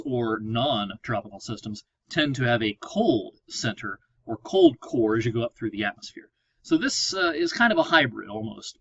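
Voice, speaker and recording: A man's voice: medium pitch, fairly bright tone, breathy edge, no echo. A man working as a meteorologist gives a casual weather briefing, explaining as he clicks through maps at a computer. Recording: slightly dull lo-fi audio.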